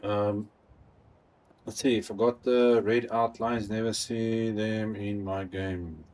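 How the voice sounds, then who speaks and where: A man thinking aloud as he streams a building game, rambling with halting restarts. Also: lowish voice, little pitch movement, a little mellow. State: out of breath. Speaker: gaming live streamer. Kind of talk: casual live-stream commentary.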